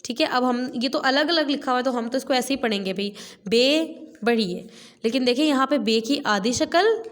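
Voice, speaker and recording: A woman nursery teacher with a Pakistani Urdu accent, patiently drilling letter sounds in a recorded class. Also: sits high. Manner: patient, drills letters slowly and repeats "theek hai". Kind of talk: recorded online class lesson.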